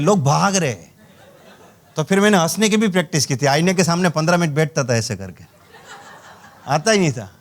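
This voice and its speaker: A man with a high, slightly bright voice delivers a motivational sales training talk as a network marketing trainer. He tells anecdotes and acts out dialogue, slipping in jokes along the way.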